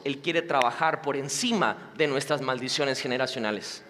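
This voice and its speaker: A male pastor preaching with a high voice and dramatic swings between loud passages and hushed ones. The sermon rings out in a church hall, and a long reverb trails after every phrase. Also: a little hiss or hum.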